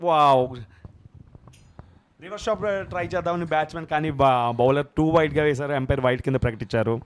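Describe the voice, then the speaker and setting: A man with an Indian accent giving excited, exclamatory live cricket commentary as a co-commentator. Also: on the high side, rapid-fire, clear, resonant tone. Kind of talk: live cricket commentary mixing Telugu and English.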